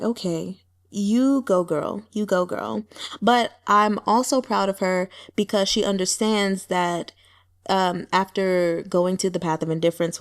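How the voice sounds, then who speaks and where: A channel host with a mid-range voice, she offers casual, animated book commentary. Her tone is wry and colloquial, and she often talks as though addressing the characters directly.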